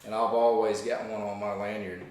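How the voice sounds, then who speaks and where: A man's voice: on the low side, level tone, normal speed, a little mellow. A man giving an informal, folksy hands-on explanation as a demonstrator of hunting calls. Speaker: duck call demonstrator. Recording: very echoey room.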